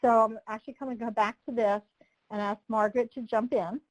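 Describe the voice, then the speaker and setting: A woman and former prosecutor telling a personal story in a training webinar, acting out the dialogue in a lively way. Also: on the high side, a little fast, no room sound, rough recording.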